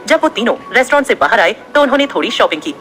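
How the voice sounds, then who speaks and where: A woman narrates an audio story in an expressive, steady storytelling manner. Her voice is bright and a bit higher than usual, with a faint hiss behind it. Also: very fast.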